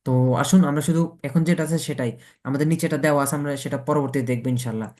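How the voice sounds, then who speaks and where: A man with a slightly high, darkish-toned voice races through a beginners' Italian pronunciation lesson in Bengali. He covers each letter in turn and answers his own questions.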